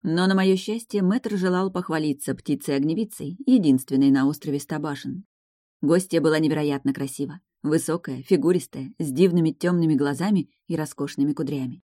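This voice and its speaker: A woman narrates a first-person fantasy story in a lively, expressive style. Her voice is low and mellow. The recording is close and completely dry. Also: fairly quick, no room sound. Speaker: audiobook narrator.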